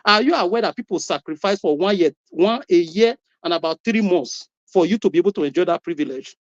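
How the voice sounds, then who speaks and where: Heard over a lo-fi online call, a man with a Nigerian accent makes a heated contribution to a call-in debate. His voice sits high and sounds expressive and brisk as he repeats words and throws out rhetorical questions to drive each point home.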